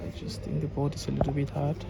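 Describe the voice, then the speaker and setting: A man with a Cameroonian accent talks through a repair in his workshop, calm and steady. His fairly high voice carries a gravelly fry and stays level in pitch. Clear background noise fills the recording. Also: fast talker. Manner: calm, explaining as he works, with frequent restarts. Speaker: electronics repair technician. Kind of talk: casual workshop vlog talk.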